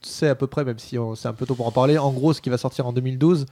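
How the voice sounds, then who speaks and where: A man hosting a casual board game radio show talks quickly in a dark, mellow voice. He teases his co-host and puts questions to the guests. He trails off hesitantly mid-sentence. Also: medium pitch, fairly even intonation.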